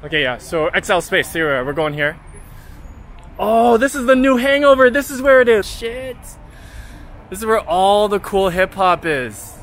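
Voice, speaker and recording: A Canadian man in his thirties vlogs casually while walking through city streets and bars at night, narrating in a chatty, easygoing, upbeat way with fillers and a Canadian English accent. His high, sing-song, fairly bright voice is at normal speed, picked up by a handheld camera at arm's length with slight background noise.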